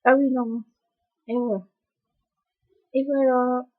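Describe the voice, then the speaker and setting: Here the same kind of casual gameplay commentary comes in a high, narrow voice with level tone and slow pace, over tinny audio. She's a young creator at home with a sore, coughing throat, frequently stammering and repeating words to her viewers.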